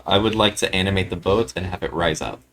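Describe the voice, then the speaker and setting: A man's voice: sits low, animated, quick pace, fairly bright tone, a little hiss or hum. A man playing a tabletop game, speaking casually in and out of character. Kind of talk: casual in-character role-play.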